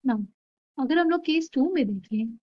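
A woman's voice: sits high, expressive, racing, no echo, muffled recording. A woman with an Indian accent explaining a chemistry problem, switching between Hindi and English and often checking in with "right?". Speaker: chemistry tutor.

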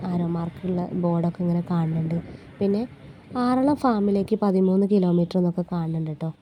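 A woman from north Kerala narrates her casual travel vlog from a bus, her medium-pitched voice very dark and mellow but stuffy and congested from a cold. Friendly and homely, she tacks little asides onto her sentences. A faint hiss or hum sits in the recording.

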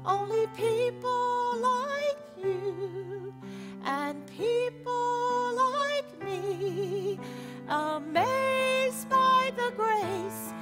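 A middle-aged woman, a church's minister of music, singing a slow, tender gospel solo in a large sanctuary. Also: very high-pitched, lively intonation. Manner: slow, tender singing over piano accompaniment.

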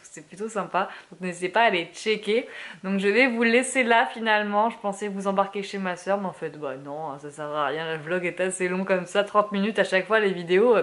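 A young woman with a soft, sleepy voice chatting casually at home in her vlog, swearing freely. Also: medium pitch. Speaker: vlogger.

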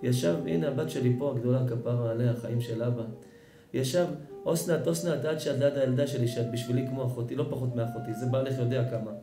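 Impassioned rabbi preaching in an echoey hall. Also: male voice, mid-range voice. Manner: impassioned, swings from loud outbursts to hushed storytelling. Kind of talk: emotional sermon. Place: synagogue or event hall. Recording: echoey hall with music behind.

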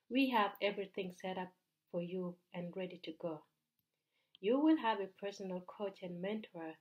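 Earnest Ugandan woman pitching to camera. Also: lo-fi sound. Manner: earnest, persuasive, with small slips and restarts. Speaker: business mentor. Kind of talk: direct-to-camera sales pitch. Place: bright indoor room.

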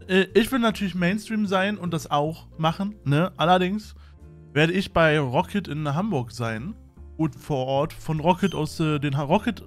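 A man chatting in a casual vlog at home, playful and rambling with lots of fillers. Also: fairly high pitch. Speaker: YouTuber. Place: room at home with a fan.

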